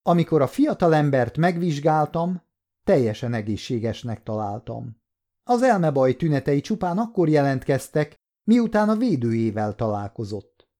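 A man's voice: a little high, big pitch swings, mellow, voice pushed up. A man voicing an earnest male police doctor giving testimony in court in an audiobook story.

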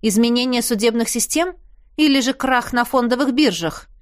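A woman voicing a wary young heroine in an audiobook, her voice raised and clipped. She answers tersely with sharp irritation, close and dry. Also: on the high side, moderate pace, no echo, pitched above the performer's own voice, close to an everyday voice.

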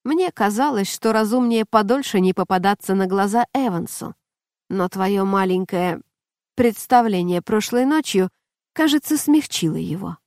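A wistful young male sprite of the stage speaks quietly and musingly, as a woman reads him in her own dark, mellow voice. The storybook recording is dry and close, with no room sound. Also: mid-range voice, animated, normal speed, no room sound, natural voice.

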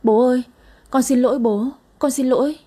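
A woman's voice: a little high, lively intonation, fast talker, mellow, husky. Woman doing a defiant young daughter. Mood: sobbing. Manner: pleading, sobbing. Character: defiant young woman crying for her father.

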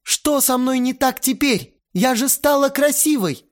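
A man's voice: extremely high pitch, unhurried, voice pushed up. A man doing a clingy, tearful young woman. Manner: pleading, sobbing, switching to rage.

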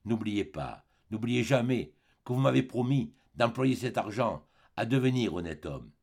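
An elderly bishop speaks in a lifted, gravelly voice, as a male reader puts him on. He is kindly, serene and forgiving, and his tone rises and falls a lot as he offers gentle words in a storybook reading. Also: sits high, big pitch swings, moderate pace, voice pushed up, exaggerated voice. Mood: solemn. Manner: warm, solemn, forgiving.

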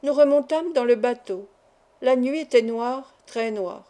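A woman reading a classic short story aloud as an audiobook, in a measured storytelling manner. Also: on the high side, mellow. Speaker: audiobook reader.

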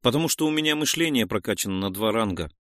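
A confident young arena prisoner hands out orders with calm certainty, as a man voices him. The voice stays near the narrator's own, with a lively lilt and a close, dry sound. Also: fairly low pitch, fast, dry recording. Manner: confident, commanding. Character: cocky young male arena prisoner, the hero. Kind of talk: audiobook reading.

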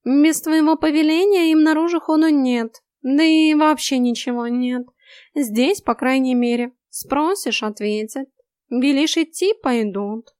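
A woman's voice: high-pitched, a little slow, a little mellow, no room sound, clean studio sound, voice pushed up. A woman voicing an arrogant, condescending old male house cat who talks down to everyone. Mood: lecturing. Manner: sneering, condescending, snappy.

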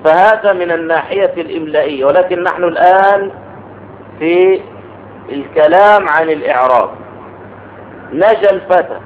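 A man teaching an Arabic grammar lesson, explaining step by step and asking the class questions. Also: sits high. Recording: tinny phone-like recording with faint noise.

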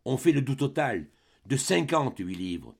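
A man's voice: medium pitch, sing-song, normal speed, creaky, slightly rough, exaggerated voice. A man reading the part of a boastful old grenadier sergeant, declaiming rhythmic verse in a dramatic reading of a play. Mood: proud.

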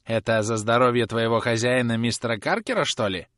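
A man reading an audiobook, voicing a spiteful old woman with a shrill, jeering, scolding manner. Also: fairly quick, fairly bright tone, dry recording, studio quality, natural voice. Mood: sly. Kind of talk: audiobook character voice.

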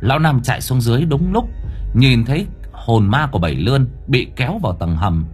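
A man narrating a ghost story audiobook in a vivid, expressive way. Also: medium pitch, a little fast, faint music behind.

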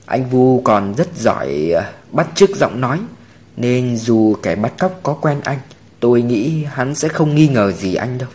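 A man voicing a calm male police officer who explains things in a measured way. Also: medium pitch, lightly acted.

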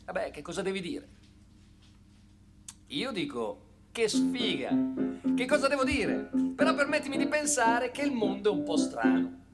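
A stage monologist delivers a theatrical, satirical piece in a dramatic, colloquial and sardonic storytelling style, leaning on rhetorical repetition. His voice sits high with wildly swooping pitch, moving at a moderate pace with frequent pauses. Loud live plucked guitar music accompanies him throughout.

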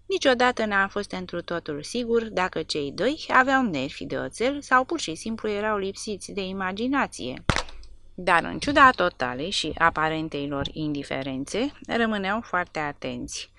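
A woman narrating a war novel as an audiobook with an expressive, dramatic reading. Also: fairly low pitch, slight background noise.

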